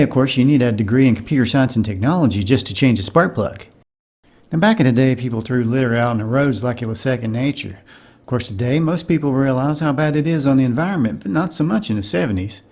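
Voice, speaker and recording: A man's voice: mid-range voice, a little mellow. A middle-aged man giving wry, nostalgic comedic narration for a cartoon.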